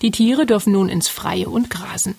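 A woman calmly narrating a documentary report as a reporter. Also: medium pitch, normal speed, gravelly, slightly rough. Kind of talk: scripted narration.

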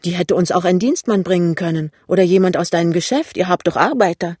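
Ein Mann liest einen verlegenen jungen Ehemann. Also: male voice, sits high, darkish tone, slightly rough, no echo, studio quality. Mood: hasty. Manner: hurried, embarrassed. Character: flustered young husband, shy and hasty. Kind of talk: audiobook reading.

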